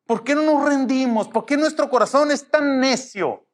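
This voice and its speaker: A middle-aged pastor preaches to his congregation, his voice sitting high for a man. He is emphatic and keeps asking the room rhetorical questions. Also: normal speed.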